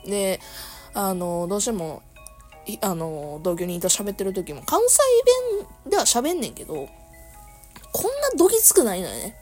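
A woman's voice: medium pitch, very animated, moderate pace, a little mellow, faint music behind. A young woman with a Kansai accent, chatting casually on her own radio talk show, laughing often and correcting herself as she goes. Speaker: podcast host. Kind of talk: casual solo radio chat.

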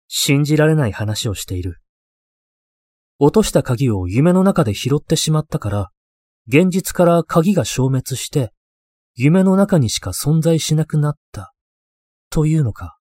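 A man's voice: on the high side, warm tone, no echo, clean studio sound. A man reading a scripted ghost story as a narrator, acting out the dialogue as he goes.

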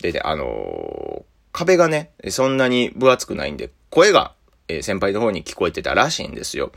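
A young man with a Kansai accent, a comedian telling a story in a comic monologue. He jumps high for emphasis and drops low for asides. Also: huge pitch swings, fairly quick, creaky, fairly bright tone. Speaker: stand-up comedian.

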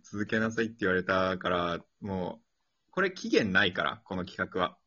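After the show, this man who hosts an improvised radio drama series talks casually and colloquially in a low voice with big pitch swings. His tone is bright and forceful, his pace moderate, and the lo-fi recording sounds dull.

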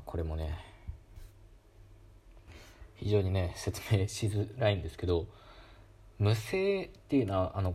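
A man giving a calm, casual educational talk on pronunciation, demonstrating sounds aloud with frequent fillers. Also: deep voice, husky. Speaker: solo talk host explaining linguistics.

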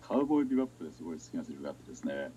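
A man who is a guest in a casual chat, relaxed and quick, sometimes switching to English. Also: very deep voice, husky, lo-fi sound. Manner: relaxed, speaks quickly, slips into English lines.

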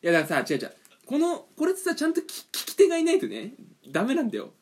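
Animated chatty man ranting fast. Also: extremely high pitch. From Kanto region of Japan. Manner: animated ranting storyteller, acts out customers. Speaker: podcast co-host. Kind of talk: casual chat.

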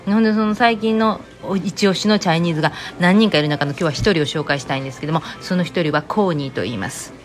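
A woman's voice: lowish voice, quick pace, few pauses. A woman with a Kansai accent chatting casually to her viewers in a rambling, joking way, with many fillers. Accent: Kansai Japanese. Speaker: vlogger. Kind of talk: casual chat to camera.

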